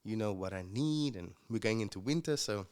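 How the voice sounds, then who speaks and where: A young man, a musician guest, telling his personal story in an earnest, reflective way with halting restarts. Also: fairly low pitch, expressive, a little mellow, clean tone. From South Africa.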